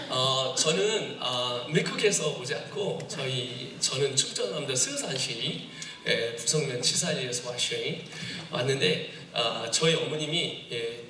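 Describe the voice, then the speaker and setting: A man's voice: mid-range voice, animated, slow. A man with a Chungcheong accent, a guest missionary giving a humorous, playful talk in church, bantering with the crowd. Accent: Chungcheong dialect. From South Chungcheong, Korea. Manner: joking, playful crowd banter mixing English. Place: church sanctuary. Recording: echoey room, distant mic, noisy.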